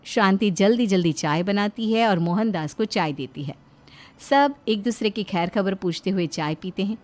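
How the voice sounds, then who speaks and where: A woman narrating a family cartoon story in a steady, expressive storybook style. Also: medium pitch, normal speed.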